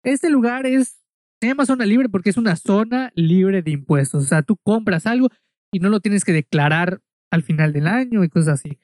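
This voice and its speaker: A man's voice: sits high, moderate pace, a little mellow, no echo, clean studio sound. A man from Mexico with a Mexican accent, casually telling a story in a monologue, chatty and full of asides, speaking straight to the listener.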